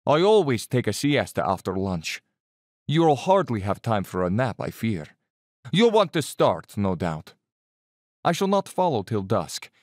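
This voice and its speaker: An urbane Cossack general in an audio drama. His delivery is animated and courtly, with cold condescension under the polish. The sound is close and dry. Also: lowish voice, a little slow, dry recording. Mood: smugly polite.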